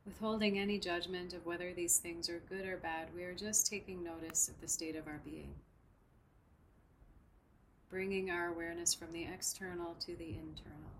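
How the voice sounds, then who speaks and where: A woman guiding a breathing meditation in a soft, soothing, unhurried way. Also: fairly low pitch, steady tone, slight background noise, low-quality recording. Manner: slow, soft, soothing instruction. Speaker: meditation guide. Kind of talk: guided meditation.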